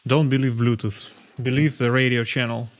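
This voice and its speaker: A man's voice: medium pitch, fairly even intonation, normal speed. A man with a Slavic accent chatting casually about tech as a co-host.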